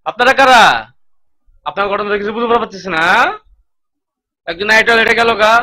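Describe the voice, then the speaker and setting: An actor playing a bossy, pompous rich young master of the house, who fires off questions in a Bangladeshi Bengali accent. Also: male voice, sits high, moderate pace, pushed and bright, faint music behind.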